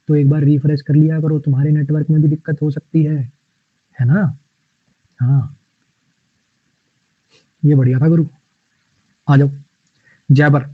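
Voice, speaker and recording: A man with a fairly high voice teaches English vocabulary in a live online class. He explains words with playful memory tricks and reads the example sentences slowly. The sound is tinny and phone-like, with no room echo.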